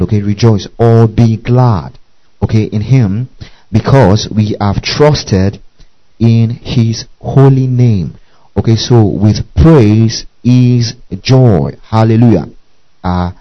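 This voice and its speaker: A man preaching a Bible lesson, who keeps checking in with his listeners by asking "okay?" and "do you see that?". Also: fairly low pitch. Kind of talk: bible teaching sermon. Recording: muffled lo-fi recording.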